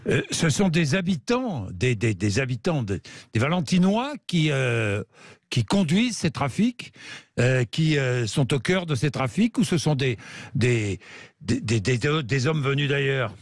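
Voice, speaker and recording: A male talk-radio host speaks into a close studio microphone with a dry, dead sound. He is brisk, cuts in often and challenges his guests and callers. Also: mid-range voice, very animated, no room sound. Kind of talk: radio talk show hosting.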